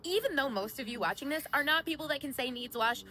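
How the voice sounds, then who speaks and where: Woman, Central Ohio accent, crisp bright tone, casual explainer talking to viewers, faint background hum. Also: high-pitched, fast, rough recording. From Central Ohio, United States. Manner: lively, explanatory, addresses viewers directly. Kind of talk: casual educational explainer to camera.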